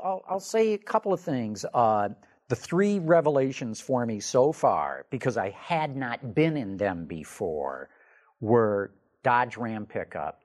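A man hosting a casual studio talk show, talking with enthusiasm and often repeating words. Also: mid-range voice. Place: studio showroom.

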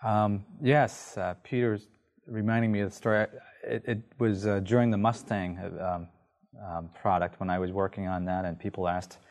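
A man's voice: lowish voice, fairly even intonation, normal speed, darkish tone. A man from Vietnam, a guest on a studio talk show, speaking hesitantly with many fillers. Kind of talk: casual studio interview.

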